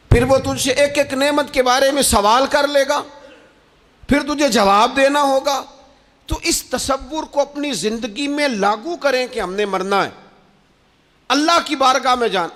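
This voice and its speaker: A man delivers a sermon in a high-pitched voice. His delivery rises and falls with emphatic preaching cadence. The recording carries a long hall reverb. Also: fairly bright tone.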